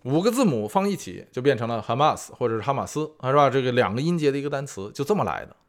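A man's voice: mid-range voice, big pitch swings, fast. A man hosting a food show, explaining in a chatty way with many fillers and asides. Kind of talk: casual explainer monologue. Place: lives in California.

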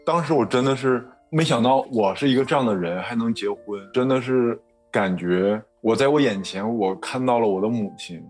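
A man telling his own story in a soft-spoken, halting, heartfelt way. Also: mid-range voice, soft background music. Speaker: story guest. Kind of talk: personal storytelling.

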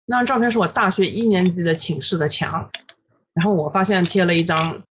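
A woman in her thirties, a guest illustrator on a podcast, recounting her story in an animated way with many fillers and English words dropped in. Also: fairly low pitch, a little fast, slight background noise. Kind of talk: casual podcast interview.

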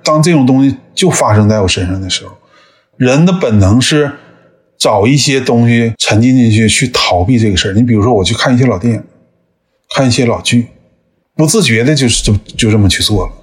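A man's voice: mid-range voice, animated, fairly quick, breathy edge. A man in his fifties from northeast China, a podcast guest talking thoughtfully with frequent hesitations. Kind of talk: conversational interview.

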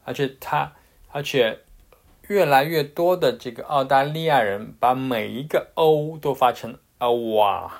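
A man's voice: mid-range voice, unhurried, creaky. A man teaching English pronunciation in a casual, patient way, with frequent fillers and restarts. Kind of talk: casual explanatory lesson.

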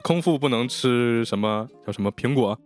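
A man's voice: medium pitch, normal speed, a little mellow, soft background music. A man from Northeast China talking as a podcast host, telling personal stories in a chatty way and repeating words for emphasis. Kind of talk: casual chat, personal storytelling.

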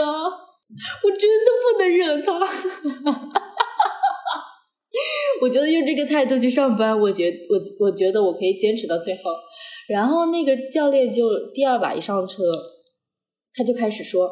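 Young woman, podcast co-host, lively storyteller who laughs easily and does the voices; mid pitch; echoey room sound. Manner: animated, laughing often, acts out quotes. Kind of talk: casual storytelling chat.

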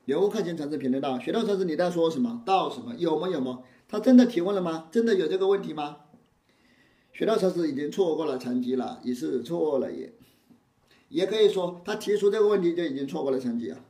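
A man giving a line-by-line lecture on a classical Zen text. He recites each old line slowly, then explains it in plain words. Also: on the high side, lively intonation, mellow. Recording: roomy echo.

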